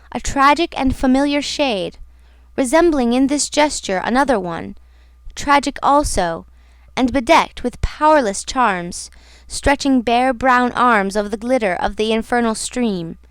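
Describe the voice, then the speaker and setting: A woman reading a classic novel aloud as an audiobook narrator, in a measured, somber manner. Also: a little high, expressive, clear, resonant tone, dry recording. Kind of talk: scripted narration.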